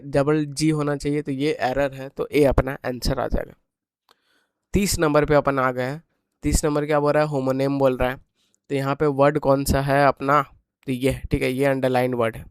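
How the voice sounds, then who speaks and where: A man's voice: mid-range voice, smooth, no echo. A man teaching an exam paper walkthrough lesson, explaining step by step and asking and answering his own questions.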